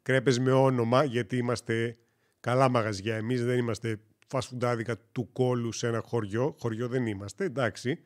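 A man's voice: mid-range voice, steady tone. A man from Greece chatting casually on a gaming live stream, rambling and joking as he tells stories and corrects himself.

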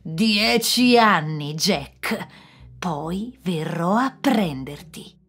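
A woman's voice: lowish voice, animated, drawn-out words, fairly bright tone, slightly rough, faint music behind, exaggerated voice. A woman voicing a menacing, furious devil. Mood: threatening.

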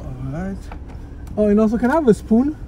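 Sing-song and fairly quick, a high-pitched man with a warm tone runs a laid-back prank vlog from his car, talking both to the camera and to drive-thru workers. Ambient vehicle noise from the car interior is clearly audible.

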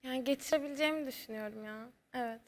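A woman in her twenties, a studio guest answering in a measured way with frequent hesitations. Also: sits high. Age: 20s. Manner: measured, with many filler hesitations. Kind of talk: interview answers. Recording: long studio reverb.

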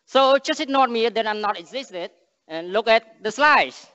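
A young man from Cambodia, speaking English with a Cambodian accent, gives an earnest church sermon and prayer, with halting phrasing and frequent restarts. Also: very high-pitched, expressive, sharp tone, clear, resonant tone. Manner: earnest, halting non-native English with restarts and emphatic rises. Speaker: missionary speaker. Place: large church sanctuary stage. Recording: long church reverb, dull sound.

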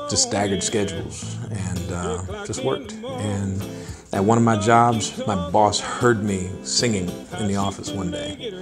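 A middle-aged man, a blues musician, speaking in an unhurried, thoughtful interview with many small pauses. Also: fairly low pitch. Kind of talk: relaxed interview talk. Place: indoors, wood-paneled room, seated at a table. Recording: interview with guitar music mixed underneath.

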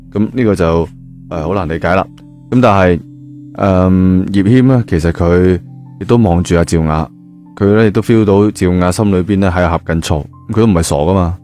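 A man with a Cantonese accent narrates a novel in a colloquial, conversational storytelling style, using frequent spoken particles. His voice sits low with a darkish tone, he speaks a little fast, and music plays behind him.

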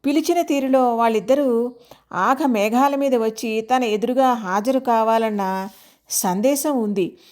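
A woman narrating an audio story in a measured, expressive reading. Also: fairly high pitch.

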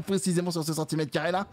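A man's voice: high-pitched, steady tone, a little fast, a little mellow. A man giving frustrated gameplay commentary, groaning and swearing as he complains. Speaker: let's play gamer.

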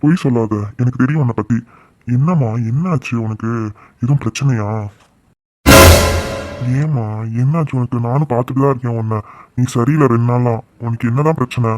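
A man's voice: mid-range voice, a little fast, long pauses, mellow, soft background music, close to an everyday voice. A man voicing a middle-aged village husband and father in a cartoon drama, caring and insistent, full of remorse.

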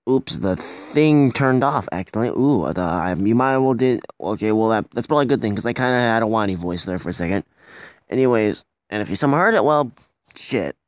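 A man's voice: on the low side, lively intonation, a little fast, no echo. A young man rambling through casual let's play commentary, full of fillers and restarts. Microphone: phone recording.

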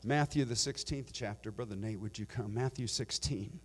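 A middle-aged American pastor with a lowish voice preaches a Pentecostal sermon in a church sanctuary, speaking at normal speed into a handheld mic. His delivery builds from quiet scripture reading to near-sung, shouted appeals.

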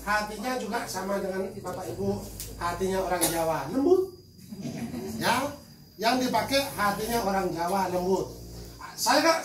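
An older man from Madura speaking loudly and forcefully to a crowd at a charity event, joking with the audience. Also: very high-pitched. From Madura, Indonesia. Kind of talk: addressing a crowd. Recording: echoey, distant mic with crowd noise.

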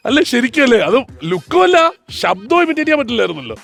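High, gravelly-voiced enthusiastic male host. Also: very animated, fast, over music. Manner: enthusiastic, rambling, mixes in English words. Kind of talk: casual chat on a stage show.

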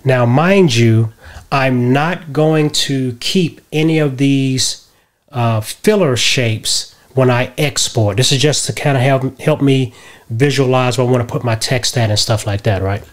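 A middle-aged man explaining a software tutorial step by step from a home office, often checking in with "right?". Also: medium pitch, measured pace. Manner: relaxed step-by-step explaining, tags lines with "right?". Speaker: tutorial host. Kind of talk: screen-share software tutorial.

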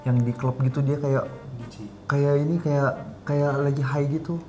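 A man's voice: a little high, level tone, unhurried, mellow, soft background music. A young man co-hosting a casual chat, joking and telling rambling stories with casual swearing. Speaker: podcast co-host.

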